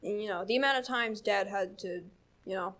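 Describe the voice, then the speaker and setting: Brisk and a bit bright, her mid-range voice carries a Newfoundland accent. The young woman is telling a casual story at church, chatty and full of fillers and laughter.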